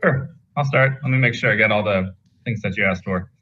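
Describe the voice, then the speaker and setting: Man on a video call, laptop-speaker sound, dull and distant, bright tone, relaxed brief remarks. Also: on the low side, brisk. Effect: heard through laptop speakers. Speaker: commission chair at a public meeting. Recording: dull lo-fi laptop audio, from afar.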